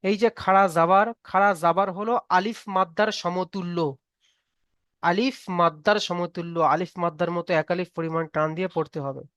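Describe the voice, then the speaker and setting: A man's voice: high-pitched, steady tone, brisk, a bit bright, clean tone, dry recording, studio quality. A man teaching Quran reading rules in a live online class, patiently repeating each rule and asking students to recite. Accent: Bengali.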